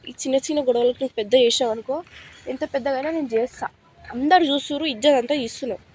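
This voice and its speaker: A woman's voice: high-pitched, rapid-fire, a little mellow, husky. A young woman with a Telangana Telugu accent scolding and threatening her partner in a heated argument outdoors in public. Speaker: vlogger.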